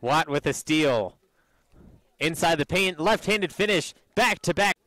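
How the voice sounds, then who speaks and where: Bright, excited male basketball commentator. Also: fairly high pitch, measured pace, dry recording, poor audio. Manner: energetic, excited calls on made shots. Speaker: play-by-play commentator.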